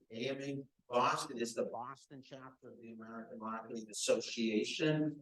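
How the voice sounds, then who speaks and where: At a live event in a nonprofit center's event room, the association's chapter president welcomes the audience. He's a man with a deep voice that carries, talking loudly and conversationally with no microphone, and the room recording is echoey.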